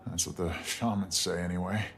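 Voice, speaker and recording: An actor playing an earnest, gentle young male warrior in a video game, halting and modest. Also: low voice, steady tone, a little hiss or hum. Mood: reflective.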